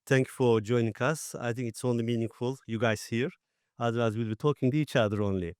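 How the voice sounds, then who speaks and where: A man's voice: medium pitch, fairly even intonation, fast, darkish tone, clear, resonant tone, dry recording. Turkish guy on a panel, simple slightly broken english, dry mic. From Turkey. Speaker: panel guest, former IT executive. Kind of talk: conference panel talk.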